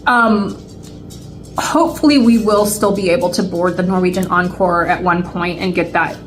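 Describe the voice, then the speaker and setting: Talking casually to camera, a vlog co-host in her late forties fills her speech with fillers and restarts. She has a lowish voice at a moderate pace, with faint music behind her.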